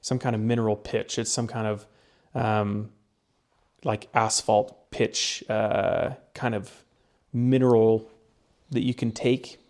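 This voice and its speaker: A man's voice: lowish voice, little pitch movement, slow pace, darkish tone. A young man co-hosting a casual podcast, explaining research in a rambling way, with lots of fillers and restarts. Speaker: podcast co-host presenting research. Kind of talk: casual chat.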